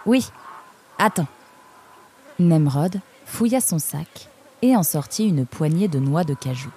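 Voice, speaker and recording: A woman narrating a children's story in a measured, expressive way. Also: sits low, noisy background.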